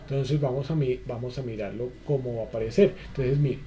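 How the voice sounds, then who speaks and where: A man's voice: mid-range voice, brisk, warm tone, a little hiss or hum. A man teaching an online spreadsheet class, walking through each step patiently with many repeated fillers. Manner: patient, repetitive, fillers like "entonces" and "listo". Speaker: instructor.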